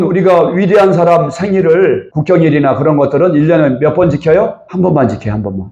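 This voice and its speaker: In a church sanctuary with roomy echo, a senior pastor delivers a Sunday sermon, asking the congregation rhetorical questions and calling for amens. His voice is a little high and mellow, with the highs cut off.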